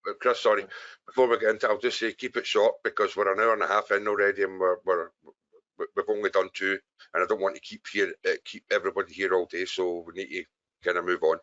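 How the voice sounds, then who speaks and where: Bright-voiced Scottish man hosting a Q&A. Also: low-pitched, flat delivery, no echo. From Scotland. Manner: brisk, encouraging, with repeated words. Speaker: webinar host. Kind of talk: hosting a live Q&A. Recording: dry, muffled call audio.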